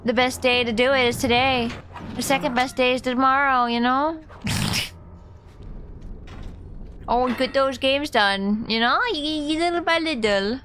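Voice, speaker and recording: A woman's voice: high-pitched, unhurried, long pauses, fairly bright tone. A woman live-streaming a game and chatting with viewers in a cute, bubbly streamer manner, with singsong greetings. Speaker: variety streamer and artist. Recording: game music behind the voice.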